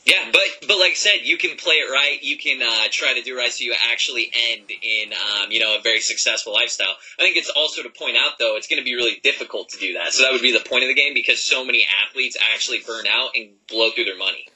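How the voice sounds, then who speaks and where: A man's voice: medium pitch, fast talker, hardly any pauses, sharp tone, husky, poor audio. A man co-hosting a casual podcast, rambling earnestly and self-deprecating. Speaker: podcast co-host.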